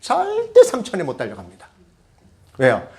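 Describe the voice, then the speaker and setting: A man's voice: high voice, wildly swooping pitch, moderate pace, creaky, dark tone. A man giving a public lecture on parenting, speaking conversationally and often asking the audience rhetorical questions. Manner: switches to half-banmal, conversational asides.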